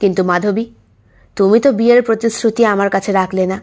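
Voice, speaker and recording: A woman voicing a gentle older man in an audio story, a father speaking tenderly to his wife. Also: medium pitch, steady tone, fast, voice pushed down, lightly acted.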